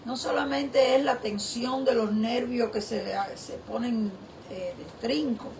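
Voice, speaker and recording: A woman pastor preaching a sermon in a slow, reflective way, often asking the listener questions. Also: on the high side, over a noisy crowd.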